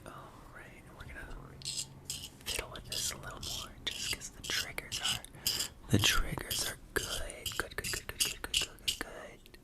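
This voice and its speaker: A young man with a hoarse throat hosting an ASMR video, whispering into a close microphone and slowly repeating words as triggers. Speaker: ASMR channel host. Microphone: close microphone at a desk.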